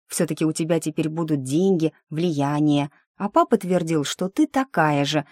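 A woman's voice: sits low, a little mellow, no room sound, studio quality. A woman voicing a timid young gnome girl. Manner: hesitant, apologetic. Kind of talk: audiobook character reading.

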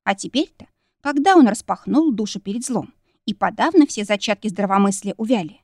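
A woman reading a fantasy novel aloud in the first person, with even, expressive storytelling. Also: medium pitch, a little fast, no room sound, studio quality. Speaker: audiobook narrator. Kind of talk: first-person audiobook narration.

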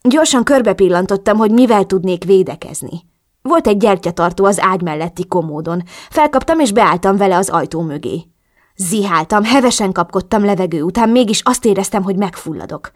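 A woman reads a first-person romance audiobook with dramatic, breathless storytelling. Her voice sits at a middle pitch, neither high nor low. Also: expressive, no echo, studio quality. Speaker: audiobook narrator. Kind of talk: first-person novel narration.

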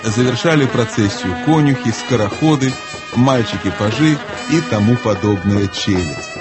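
A man reading a children's fantasy novel aloud as a measured, even audiobook narrator. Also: mid-range voice, over music. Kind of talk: scripted narration.

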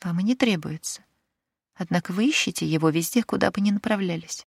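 A woman voicing a cheeky, sharp-tongued young maidservant in an audiobook, with a mocking, teasing manner. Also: lowish voice, a little fast, creaky, breathy edge, no echo, studio quality.

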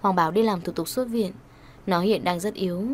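Brisk woman narrating a story. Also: lowish voice, slight background noise. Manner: steady, brisk reading. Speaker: audiobook narrator.

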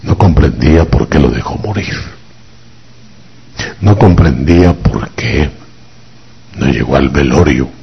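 A man preaching a sermon with a low, very husky voice that rises and falls widely in pitch. He is dramatic, acting out voices and dropping from loud lines to whispers. The recording is dull and lo-fi. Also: lively intonation, slow pace, pauses often.

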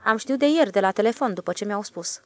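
A woman voicing a calm, self-satisfied older male station master in an audiobook, drawling and knowing. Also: mid-range voice, no room sound, natural voice. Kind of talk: audiobook character voice.

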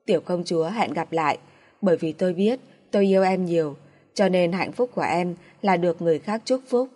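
A woman voicing a gentle, patient young man who speaks softly and coaxingly. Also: fairly low pitch, a little fast, close to an everyday voice. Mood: wistful.

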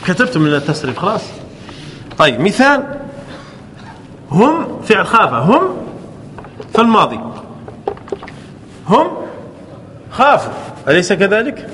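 A man teaching an Arabic grammar class, slowly drawing out example words and often checking that the students follow. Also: high-pitched, wildly swooping pitch, fairly bright tone. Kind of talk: classroom lesson. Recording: echoey hall with faint ambient noise.

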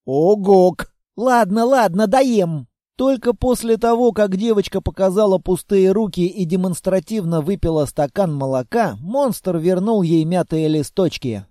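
A man narrating an audiobook in a lively, playful storytelling manner. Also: high voice, normal speed, few pauses, dry recording, studio quality.

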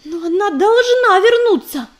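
A fiery young she-cat warrior in a storybook, pitched high and sharp-tongued, snapping and pleading in turn, as a woman reader puts her on. Her voice rides well above the narration, restless and excitable. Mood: agitated. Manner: excited, quick to snap.

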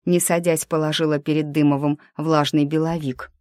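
A woman narrating a novel in an audiobook, reading at an even, measured pace. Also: deep voice, no echo, clean studio sound. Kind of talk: scripted narration.

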